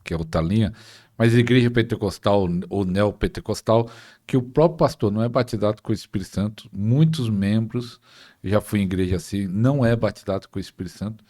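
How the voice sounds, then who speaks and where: Low-voiced Brazilian podcast host. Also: male voice, a little fast, warm tone. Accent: Brazilian Portuguese. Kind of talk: interview questions.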